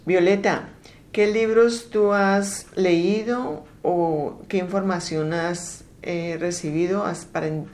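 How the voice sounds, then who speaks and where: A woman's voice: fairly low pitch, steady tone, slow pace, a little mellow. A woman interviewing a guest, asking follow-up questions and giving short prompts.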